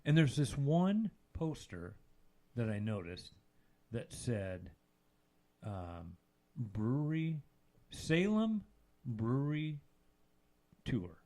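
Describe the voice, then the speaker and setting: A man co-hosting a podcast tells a loose, rambling story in casual chat. His voice is mellow and relaxed, low in brightness, and he slips into quoted lines as he goes. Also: drawn-out words, pauses often. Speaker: podcast co-host.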